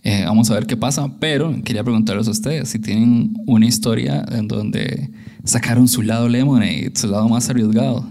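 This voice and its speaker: A man's voice: mid-range voice, a little fast, creaky, mellow. A man hosting a casual chat, prompting guests for their stories. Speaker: host. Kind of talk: casual interview.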